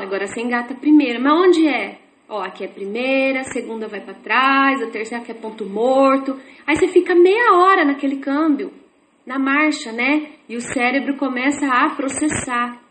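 A woman's voice: high voice, fairly bright tone. Chatty woman teacher, echoey room. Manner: chatty, repetitive explanations with everyday examples. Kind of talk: informal online lecture. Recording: echoey room with faint noise.

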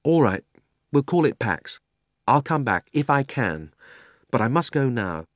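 A man voicing a brisk, sarcastic young girl in a storybook, with a prim and pointed manner. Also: mid-range voice, big pitch swings, no room sound, clean studio sound, pitched above the performer's own voice. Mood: softening. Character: brisk, sarcastic, sharp-tongued young schoolgirl.

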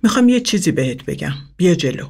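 A man voicing an old woman in a rocking chair, falsely kind and quietly menacing. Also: fairly high pitch, big pitch swings, creaky, husky, exaggerated voice. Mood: coaxing.

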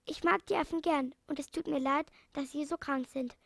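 A gentle, kindly old animal doctor from a children's storybook, speaking in a soothing tone, as a woman reads him aloud. The voice sits high and carries a gravelly edge, close and dry. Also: fairly even intonation, normal speed, no echo.

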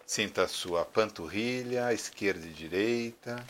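Low-voiced man guiding a calm meditation. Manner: slow, soothing instructions with long pauses. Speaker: meditation guide. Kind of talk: guided relaxation meditation. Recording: music playing behind the voice. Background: background music.

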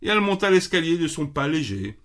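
A man reading a children's story aloud with expressive, unhurried storytelling. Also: a little high.

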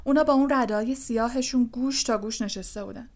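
A woman voicing a huge, gentle male gamekeeper who blames himself, in an audiobook. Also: fairly high pitch, lightly acted. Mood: despairing. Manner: sorrowful, self-blaming. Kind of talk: audiobook character voice.

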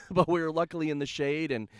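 A man's voice: on the high side, fairly even intonation, moderate pace, clear, resonant tone, no room sound, clean studio sound. A man hosting a casual, informal chat interview, recorded outdoors in a backyard. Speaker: podcast host.

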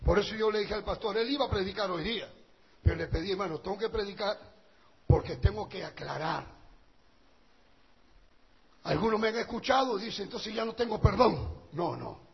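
A male pastor preaching a sermon with passion, swinging from quiet talk to shouting. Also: high voice, lively intonation, a little fast, vocal fry, pauses often, slightly rough. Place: church hall. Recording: dull lo-fi church recording with long reverb.

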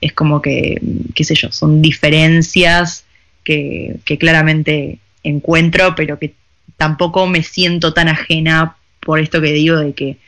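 A young woman from Buenos Aires with an Argentine accent, answering interview questions thoughtfully with many pauses and fillers. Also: sits low, little pitch movement, a bit bright. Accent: Argentine Rioplatense Spanish. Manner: thoughtful, hesitant, frequent fillers and restarts. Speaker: filmmaker interviewee.

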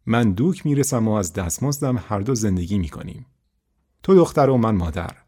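A man narrating a folk tale voices a kind, poor old woman who speaks in a warm, welcoming way. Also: fairly low pitch, lively intonation, slightly rough. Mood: kindly.

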